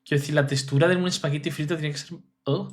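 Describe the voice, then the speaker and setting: A Spanish-accented man comments casually on a video. He speaks in a slightly high voice and delivers blunt, slangy, incredulous reactions. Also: steady tone, fast. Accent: Spain Spanish. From Spain. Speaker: reaction streamer.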